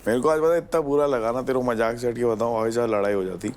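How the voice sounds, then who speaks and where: A young man, a reality show contestant, arguing bluntly with rough slang. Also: mid-range voice, steady tone, fast talker, darkish tone, slight background noise. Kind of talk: heated argument.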